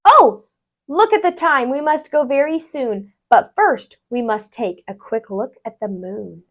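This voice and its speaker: With a high, animated voice, the tutor reads a rhyming children's story aloud, carefully and expressively, letting the lines rise and fall in a sing-song way.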